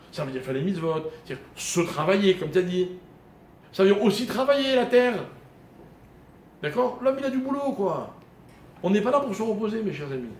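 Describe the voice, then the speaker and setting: A man's voice: sits high, creaky, darkish tone. A man teaching a live Torah lesson, explaining Hebrew grammar step by step and quizzing his listeners. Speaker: rabbi teaching a Torah class. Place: room with a small live audience. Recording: echoey room recording with faint noise.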